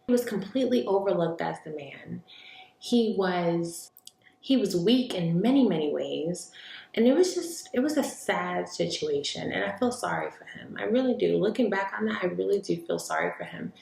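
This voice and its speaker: A woman's voice: lowish voice, lively intonation, moderate pace, vocal fry, a little mellow. A woman telling a personal story in an earnest, heartfelt way, speaking openly about her faith. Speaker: vlogger sharing a personal story. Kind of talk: casual storytelling monologue. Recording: echoey room.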